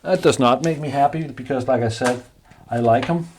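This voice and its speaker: A Danish DIY maker vlogger chats in English while replacing bike tires, speaking haltingly with plenty of fillers, restarts, and chatty asides. His voice is medium-pitched and a little mellow, with slight background noise.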